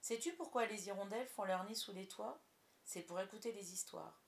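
A woman's voice: mid-range voice, normal speed, creaky, close to an everyday voice. A woman voicing a cocky, wheedling boy who never grows up, in a roomy recording. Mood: casual. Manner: boastful, wheedling. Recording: roomy echo.

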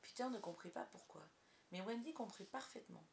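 A woman narrating a children's storybook in a soft, hushed manner, in a roomy recording. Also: medium pitch, expressive, fairly quick, creaky, slight background noise. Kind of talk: storybook reading. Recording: roomy echo.

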